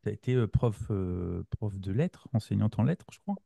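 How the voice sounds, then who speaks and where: A man hosting a podcast, introducing guests bluntly and with halting fillers. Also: lowish voice, animated, vocal fry, dark tone, no room sound. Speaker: podcast host. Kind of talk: casual podcast chat.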